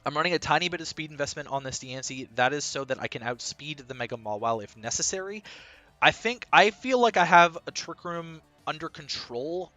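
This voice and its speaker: A man's voice: a little high, animated, a little fast, pushed and bright, no room sound, faint music behind. A man talking casually as a team coach, explaining his strategy in a rambling way full of ums and uhs.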